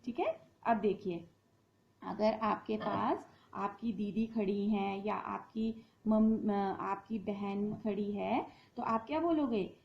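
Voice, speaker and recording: A woman's voice: medium pitch, takes it slowly, vocal fry, muffled recording. A woman teacher giving a patient lesson to young children, spelling words out sound by sound.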